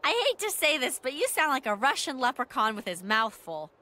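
A woman voicing an earnest, outspoken young teenage girl in a cartoon, quick to get exasperated. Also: high voice, sing-song, sharp tone, full character voice. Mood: wry. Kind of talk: animated cartoon voice acting.

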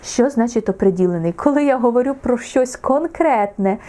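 A woman teaching English articles, slowing down to model and repeat example words. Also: a little high, lively intonation, dark tone. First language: Ukrainian. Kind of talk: explaining grammar with examples.

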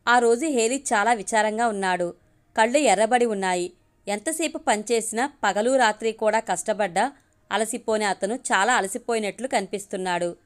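A woman storyteller narrating an audiobook story in a calm, steady reading voice. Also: medium pitch.

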